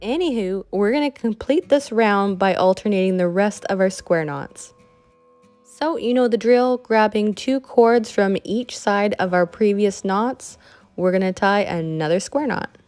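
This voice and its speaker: A woman's voice: mid-range voice, measured pace, darkish tone, faint music behind. A woman with a Canadian accent, explaining a craft project step by step in a friendly, chatty way. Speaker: craft instructor. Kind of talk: tutorial voice-over.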